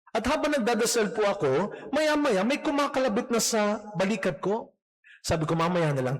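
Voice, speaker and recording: Casting: priest, high-pitched voice, storytelling homily in church, light humor. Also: male voice. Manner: storytelling with humorous anecdotes, mixing Tagalog and English. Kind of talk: homily at morning mass.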